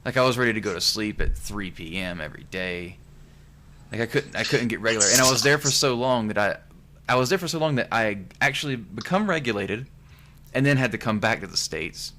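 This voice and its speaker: A man's voice: on the low side, expressive, a little fast, bright, forceful tone. A young man hosting a podcast, rambling in casual chat in an easygoing way, asking questions. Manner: rambling, easygoing, many restarts. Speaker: podcast host.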